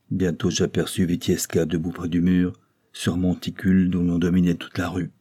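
A man narrating a novel in a steady, measured reading voice. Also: low-pitched, slightly rough. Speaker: audiobook narrator.

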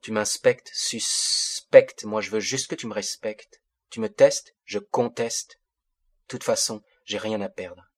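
An audiobook narrator with a lowish, steady voice slowly voices a first-person monologue as a furious fifteen-year-old from the projects, delivering bitter street slang in agitated bursts.

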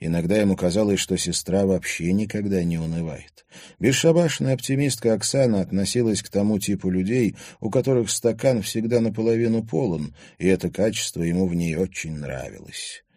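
A man narrating an audiobook in an expressive storytelling manner. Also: low-pitched, a little fast, no echo, studio quality. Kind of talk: scripted narration.

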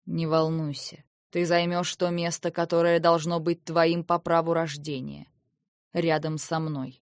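A woman reading an audiobook, voicing a stern, proud male warlord who speaks in a low, measured, domineering way. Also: little pitch movement, dry recording, clean studio sound. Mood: calm, insistent. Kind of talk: audiobook dialogue.

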